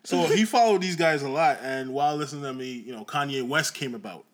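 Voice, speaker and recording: A man from Jamaica co-hosting a podcast with his wife, telling stories in a relaxed, chatty way. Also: medium pitch, brisk. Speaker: podcast co-host. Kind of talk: casual chat.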